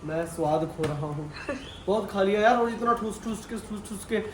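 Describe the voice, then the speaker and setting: A man's voice: sits high, normal speed. A young man casually chatting as a vlogger, explaining things and teasing his co-host. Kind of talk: casual chat. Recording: roomy sound with faint noise.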